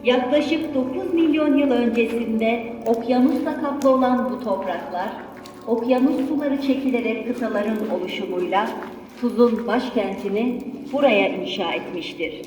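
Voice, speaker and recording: Woman, official recorded welcome, measured delivery, cave-echoed loudspeaker with long ringing reverb. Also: a little hiss or hum. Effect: loudspeaker announcement echoing in a salt cave. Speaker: recorded visitor announcement. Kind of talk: formal scripted announcement. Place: underground salt cave. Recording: loudspeaker booming through a cave from far off.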